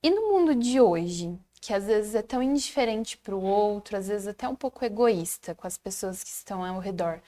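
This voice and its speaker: Brazilian woman host, mellow and calm, gentle interviewer. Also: mid-range voice, moderate pace, hardly any pauses. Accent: Brazilian Portuguese. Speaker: podcast host. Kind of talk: interview questions.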